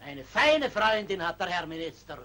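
A man's voice: high-pitched, sing-song, moderate pace. An actor playing a sarcastic, irate man in 1940s film style. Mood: blustering. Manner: sarcastic, blustering. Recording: hissy old film soundtrack.

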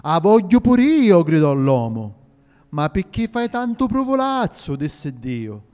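A man's voice: high voice, very animated, slow pace, a little mellow, clean tone, exaggerated voice. A man voicing a jolly older folk storyteller with a Sicilian accent, in a lilting, playful sing-song. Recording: reverberant hall with faint music.

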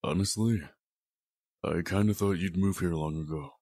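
Brief: a deep, gravelly, husky-voiced brother, earnest and placating, in a dry audio drama. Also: male voice, moderate pace, a little mellow, dry recording. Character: Khan, a remorseful man, brother of Logic.

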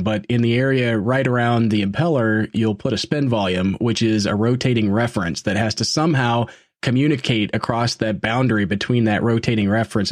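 A male podcast host chatting easily with his guest, full of ums and you-knows. His voice sits at an ordinary middle pitch, recorded close and dry with no room echo. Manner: friendly, many fillers, quick asides. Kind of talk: casual interview.

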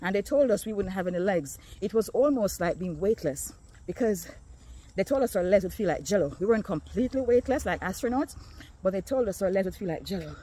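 This vlogger from Jamaica keeps up a casual chat with viewers on her phone during an outdoor walk down a neighborhood street, a little out of breath. She sounds brisk and expressive, medium in pitch, mellow yet husky.

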